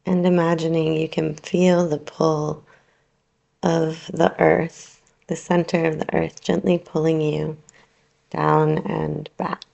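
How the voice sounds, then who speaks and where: Guiding a yoga nidra relaxation meditation, a woman speaks in a deep, creaky voice with a level tone, and the recording's highs are cut off. Her instructions come gently and unhurriedly, soothing, with long pauses between them.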